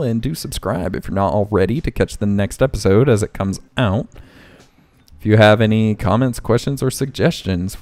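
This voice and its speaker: A fairly low, darkish male voice, recorded without echo, guides a let's play. He chats casually about the game, thinking out loud and catching his own mistakes, as low-level game music plays.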